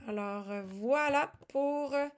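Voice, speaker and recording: A woman presents music lesson materials in a casual walkthrough. Her voice sits slightly high, and she talks in a chatty way, with frequent fillers and self-corrections. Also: takes it slowly. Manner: chatty, many fillers and restarts. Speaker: music teaching resource presenter.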